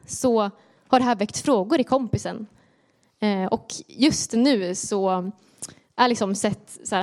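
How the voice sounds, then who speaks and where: A woman's voice: mid-range voice, darkish tone. A young woman with a Norrland Swedish accent telling stories to a youth audience in a casual, chatty way full of fillers. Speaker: youth ministry speaker. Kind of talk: storytelling talk to a youth audience.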